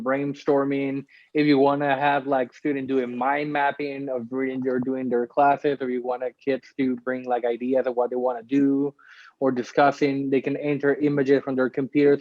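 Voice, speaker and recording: A man with a medium-pitched voice, a workshop presenter, demos a tool in a screen-share tutorial over a video call, explaining step by step with frequent ums. His computer mic gives dull, dry video-call audio with no room sound.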